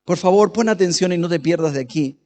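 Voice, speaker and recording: A man's voice: sits high, a little fast. A man preaching a sermon as pastor, chatty, often turning questions to the congregation. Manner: conversational, asks the congregation questions, varies loudness. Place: church. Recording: echoey church hall.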